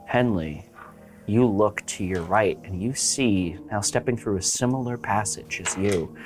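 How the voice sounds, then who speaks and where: A man narrating as game master of a tabletop horror game, with slow, measured descriptions. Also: lowish voice, faint music behind.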